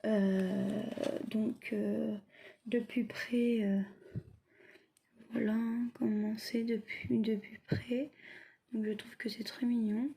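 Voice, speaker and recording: Woman, mellow soft-edged tone, slow pace, hesitant halting phrasing, casual craft vlog review. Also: fairly high pitch, little pitch movement, gravelly, slightly rough. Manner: hesitant, halting delivery with trailing, unfinished phrases. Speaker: craft video creator.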